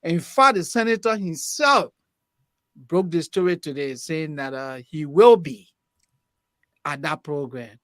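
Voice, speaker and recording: Man, panelist, slow and deliberate, fillers, dry sound. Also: on the high side, lively intonation, fairly bright tone, no echo. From Liberia. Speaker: co-host panelist. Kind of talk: casual panel talk show.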